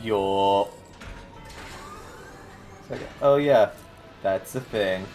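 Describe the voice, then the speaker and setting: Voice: sits low, drawn-out words, a little mellow, soft background music. A friend on a voice call, bantering casually and teasing.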